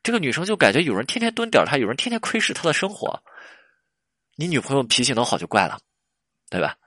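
A man's voice: mid-range voice, wildly swooping pitch, quick pace, bright, forceful tone, breathy edge, dry recording, studio quality. A man hosting a casual relationship advice talk, chatty and full of rhetorical questions. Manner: chatty, laughs at his own stories, rhetorical questions.

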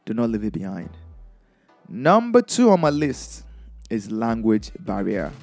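Chatty Nigerian-accented DJ giving tips. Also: male voice, fairly low pitch, measured pace, no room sound, faint music behind. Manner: lively, chatty, laughs often. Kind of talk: casual advice vlog.

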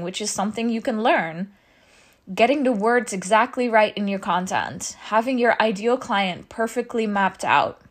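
A woman in her thirties, a business coach talking casually to her audience, out of breath, chatty and asking "right?" often. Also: mid-range voice. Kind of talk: casual teaching talk.

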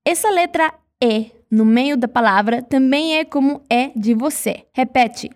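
A Brazilian woman teaching Spanish pronunciation in a scripted lesson, saying model words slowly for repetition. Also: high voice.

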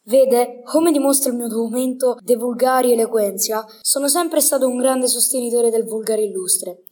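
A woman's voice: fairly high pitch, moderate pace, mellow, natural voice. A woman playing a learned, proud medieval male poet in a scripted radio interview, speaking in a formal, didactic way. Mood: courteous, formal. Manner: formal, didactic, bookish phrasing.

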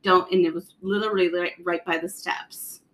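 A woman's voice: lowish voice, fairly even intonation, moderate pace. A woman co-host talking in a casual, conversational chat style.

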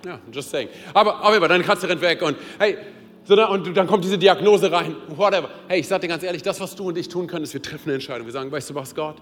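High-voiced man preaching in a reverberant hall. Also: quick pace. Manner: casual, direct, keeps saying hey and oder; builds to loud, high-pitched urgency. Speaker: pastor. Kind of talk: sermon. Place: church service.

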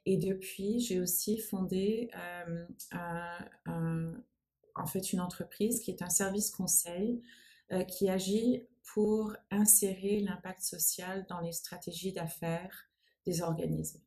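A nonprofit founder in her forties, a native English speaker, answers interview questions in French with an English accent, thoughtfully searching for her words. Her voice is on the low side and dark, with a steady tone and slow pace.

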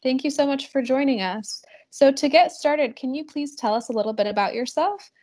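Female podcast host, fairly high voice, dry close recording, friendly measured questioning. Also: darkish tone, dry recording. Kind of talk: intro read and interview questions.

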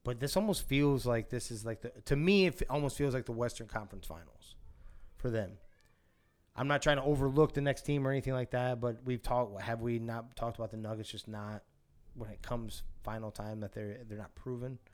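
Podcast co-host, man, mid pitch, excitable and insistent. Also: fairly quick. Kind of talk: casual sports chat.

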